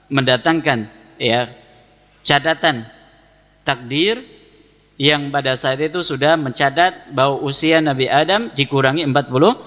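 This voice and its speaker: A preacher teaching a congregation reads Arabic text aloud and then explains it, speaking didactically with a Javanese Indonesian accent, repeated phrases and questions he answers himself. His voice is mid-range and fairly bright. The sound carries a long, reverberant hall echo.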